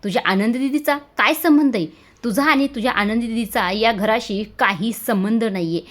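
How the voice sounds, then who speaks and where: A woman voicing a scornful, sharp-tongued woman of a household in a TV serial recap. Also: on the high side, moderate pace. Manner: scornful and shouting.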